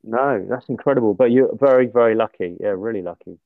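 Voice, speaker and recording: A man's voice: mid-range voice, no room sound. A man interviewing a veteran, giving short encouraging responses and follow-up questions. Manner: brief encouraging responses, quick to laugh. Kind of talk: oral history interview. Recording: tinny phone-like line, dry.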